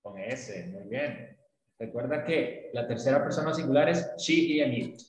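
A man's voice: mid-range voice, expressive, unhurried, heavy reverb, rough recording. A man from Latin America teaching an English lesson, explaining patiently with images and asking questions.

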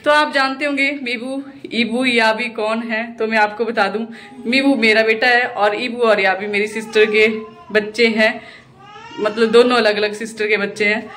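A woman's voice: fairly high pitch, fairly even intonation, normal speed, a bit bright. A woman in her thirties, a vlogger chatting casually as she walks through a rented apartment and points out the rooms. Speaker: vlogger giving a home tour. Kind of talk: casual home tour narration.

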